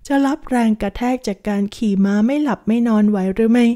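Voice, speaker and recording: A woman reading the part of a loyal male servant who speaks gravely and firmly. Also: on the high side, a little fast, dark tone, close to an everyday voice. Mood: resolute.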